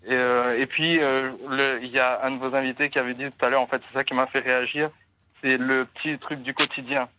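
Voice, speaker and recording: A man's voice: medium pitch, level tone, brisk. A man calling in to a radio talk show over a landline phone, giving his view earnestly and thinking aloud as he goes. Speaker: caller. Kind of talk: radio call-in comment. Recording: dull lo-fi phone line.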